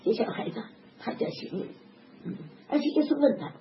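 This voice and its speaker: Older lady preaching, bit high voice, swoops up and down a lot, muffled noisy recording. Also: fairly quick. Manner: animated, emphatic, with chuckles. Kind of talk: sermon. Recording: dull lo-fi recording with background noise.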